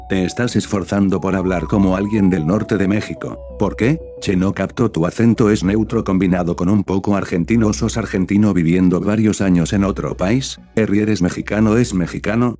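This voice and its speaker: A man reading out viewer questions in a flat, even delivery. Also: low voice.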